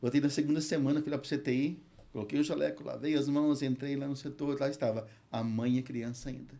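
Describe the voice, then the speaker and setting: A man with a Brazilian Portuguese accent, a hospital chaplain and pastor, tells an earnest testimony in an interview and recites scripture slowly. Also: medium pitch, fairly even intonation, vocal fry, dark tone. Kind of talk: emotional testimony in a podcast interview.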